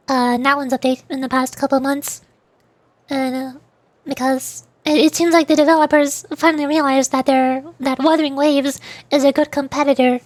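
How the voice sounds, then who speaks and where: A woman with a high voice, recorded with no echo, streams as a VTuber. She chats casually while gaming, answering live chat in a rambling, playful way.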